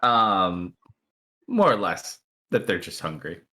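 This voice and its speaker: A man narrating and refereeing as game master of a tabletop game, describing the scene in a relaxed way. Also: low voice, slow pace.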